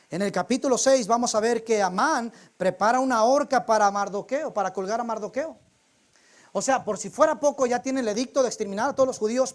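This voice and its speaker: A male preacher delivers a sermon in church. He retells the story in a loose, colloquial and humorous way. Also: high-pitched.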